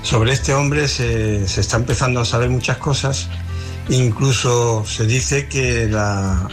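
Man, radio caller, friendly, hurried, music clearly playing behind. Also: mid-range voice. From Cádiz, Spain. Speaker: listener caller.

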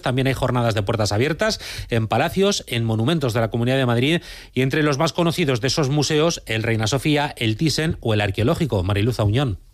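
Guy anchoring the news, steady and informative. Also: mid-range voice. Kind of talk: read news presentation.

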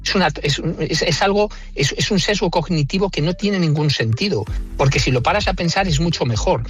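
An engineer from Madrid, speaking with a central Spain accent, is interviewed and explains things conversationally using everyday examples. His fairly high voice moves a little fast over faint music, and he's emphatic and opinionated, tossing out rhetorical questions.

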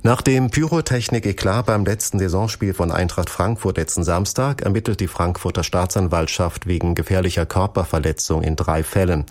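A man reading a radio news bulletin in a measured, formal way. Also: sits low. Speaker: newsreader.

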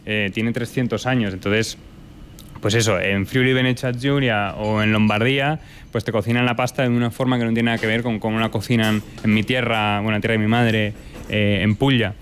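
A man's voice: lowish voice, steady tone, a little fast, a little hiss or hum. A young Spanish man, a chef and restaurant owner, answering interview questions thoughtfully with many fillers and restarts. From Spain.

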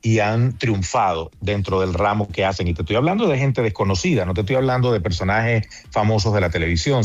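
A man's voice: lowish voice, no echo, highs cut off. A man, a TV producer, talking earnestly in a casual interview. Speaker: TV producer and guest.

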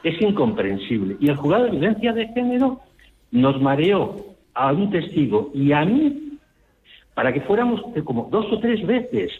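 A man's voice: fairly high pitch, very animated, moderate pace. A man calling in over the phone to a radio show, indignant and insistent as he lays out his complaint. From Spain. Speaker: caller. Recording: tinny phone line.

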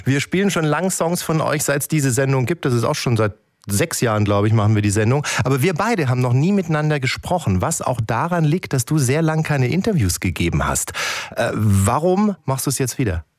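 A man's voice: medium pitch, lively intonation, brisk, dry recording, studio quality. A man hosting a radio music show, introducing his guest and asking questions in a friendly, conversational way. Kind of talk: radio interview moderation.

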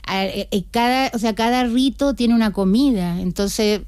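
A woman's voice: on the high side, moderate pace, a little mellow, clean tone, no room sound, clean studio sound. A woman in her sixties, a guest on a radio interview, telling stories with many restarts. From Chile. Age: older. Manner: chatty, storytelling with many restarts.

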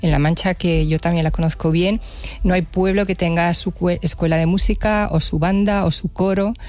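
A woman's voice: lowish voice, fairly even intonation, moderate pace, a little mellow. A woman jazz musician, a radio interview guest, speaking reflectively and stammering now and then. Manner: reflective, stammers on some words.

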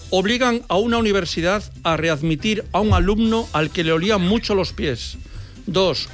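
A playful radio quiz host reading out questions, his voice pitched a little high. He pokes fun at himself between the questions. Faint music runs beneath his voice. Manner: playful, self-mocking.

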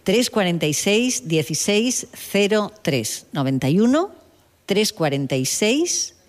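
A woman hosting a radio show, lively and encouraging as she steers the talk. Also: medium pitch, unhurried. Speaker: radio host. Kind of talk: radio chat.

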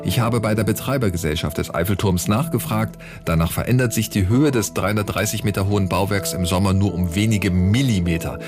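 A man's voice: fairly low pitch, brisk, hardly any pauses, music in the background. A man explaining a fact check in a matter-of-fact way.

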